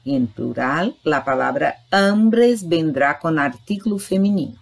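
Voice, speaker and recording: A woman's voice: low voice, lively intonation, a little slow, gravelly. A woman teaching a grammar lesson, explaining patiently and speaking directly to her students. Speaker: Spanish teacher. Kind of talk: recorded online grammar lesson.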